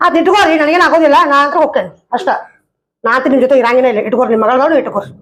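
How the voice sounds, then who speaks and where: A woman's voice: high-pitched, expressive, rapid-fire. A woman with a North Karnataka Kannada accent playing an angry wife who left her husband, arguing and scolding in a comedy skit. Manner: scolding, argumentative. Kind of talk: village comedy skit acting.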